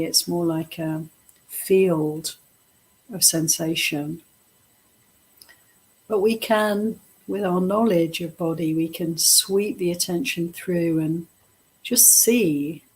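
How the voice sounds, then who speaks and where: In a low-quality recording, a woman leads a meditation with a slightly low, breathy, husky voice. She talks very slowly and gently, offering short phrases separated by pauses. Her tone is softly instructive, like a teacher guiding a practice.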